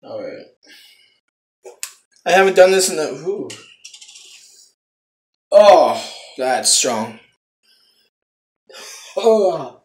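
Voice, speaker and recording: Speaking extremely slowly with long pauses, a young adult man with a fairly high voice and big pitch swings reviews a product from a small room at home. He's relaxed and swears a lot, and a close-up phone camera records him with a roomy sound.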